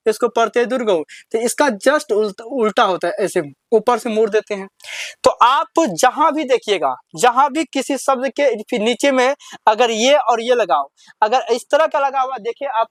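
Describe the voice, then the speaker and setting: A man's voice: very high-pitched, a bit bright, no echo. Dry-voiced man teaching Hindi letters. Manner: repetitive call-and-response questioning; slow drawn-out syllable-by-syllable reading. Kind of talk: classroom lesson over slides.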